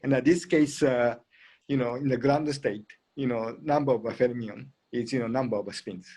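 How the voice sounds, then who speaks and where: A man lecturing on physics, his pitch sitting squarely in the middle of the male range. He speaks haltingly, stopping often on filler words between phrases as he answers questions. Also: mellow, husky. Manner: halting, heavy "you know" and "uh" fillers.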